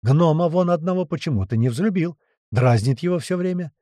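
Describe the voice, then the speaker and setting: A man voicing a gruff male squad leader who barks orders at his fighters. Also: on the high side, lively intonation, fairly quick, warm tone, no room sound, clean studio sound, voice pushed up, close to an everyday voice. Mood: amused. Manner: barking orders.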